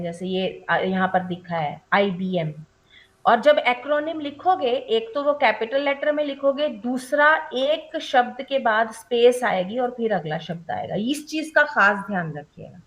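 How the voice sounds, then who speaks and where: A woman's voice: a little high, expressive, unhurried, a bit bright. A young adult woman leading a training session, explaining rules step by step, mixing English terms into her Hindi and checking often that the trainees follow.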